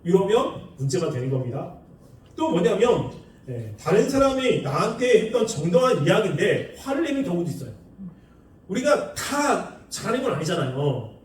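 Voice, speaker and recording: A man preaches with a high, animated voice that swings up and down, acting out quoted people with bursts of laughter. He is heard from a distance in a very echoey hall, with a faint hiss behind him. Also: moderate pace. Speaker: pastor. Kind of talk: sermon. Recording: echoey room, far from the mic.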